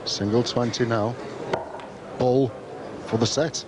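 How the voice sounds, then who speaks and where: A man's voice: medium pitch, fairly even intonation, slow pace. A man giving live darts commentary in short remarks that follow the play. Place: commentary box at indoor tournament. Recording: loud crowd and venue noise.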